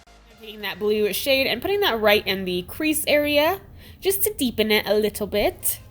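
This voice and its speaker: With a mid-range, slightly bright voice, a young woman in her twenties talks at normal speed in a sing-song way, faint music in the background. She's a beauty vlogger doing a casual makeup tutorial from a small room at home against a sparkly backdrop, a bit nasal from a cold and full of upbeat "like" and "super."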